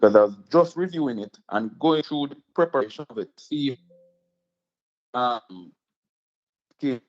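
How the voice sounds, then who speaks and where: Jamaican caller on a connection that keeps breaking up. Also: male voice, mid-range voice, animated, a little slow. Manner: emphatic, keeps checking in with "yeah?". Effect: breaking up over an unstable internet call line. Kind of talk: call-in radio conversation. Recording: muffled phone-line audio.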